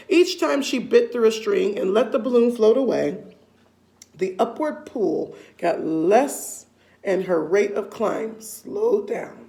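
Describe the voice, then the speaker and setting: A woman storyteller with a creaky edge to her mid-pitched voice. She reads a children's book expressively and deliberately, leaning on key words. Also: a little mellow. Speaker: read-aloud storyteller. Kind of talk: expressive children's story reading with casual asides.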